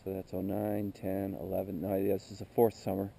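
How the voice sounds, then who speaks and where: A middle-aged motorcyclist, emotionally drained, rambles to his camera outdoors beside a rural road, candid and weary and circling back to fix what he's said. He speaks in a low, gravelly, dark voice with a completely flat delivery at a moderate pace, and the camera mic picks up slight background noise.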